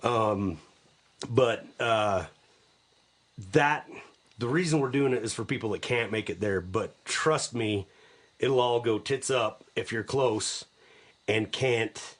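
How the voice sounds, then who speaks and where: A man's voice: medium pitch, takes it slowly, pauses often. A middle-aged man hosting a live podcast, chatting casually and enthusiastically, often repeating his words as he goes. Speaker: podcast host.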